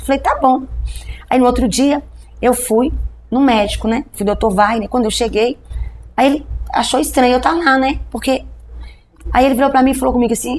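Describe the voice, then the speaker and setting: A middle-aged woman pastor from Brazil tells her testimony in a podcast interview. She talks very quickly in a slightly high voice and acts out the dialogue of the people in her story. A faint hiss sits behind her. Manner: animated storytelling, acting out dialogue with a doctor.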